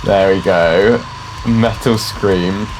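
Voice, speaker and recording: A man's voice: sits low, extremely slow, noisy background. A man, a classically trained musician, giving casual reaction commentary and musical analysis in a chatty, hedging way, often saying "like". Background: faint music from the reacted video.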